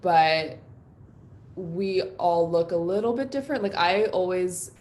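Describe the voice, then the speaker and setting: A guest musician from New York City sounds animated yet measured, her fairly low voice a little mellow. Talking in a casual live-stream interview, she's reflective and personal, leaning heavily on ums and likes.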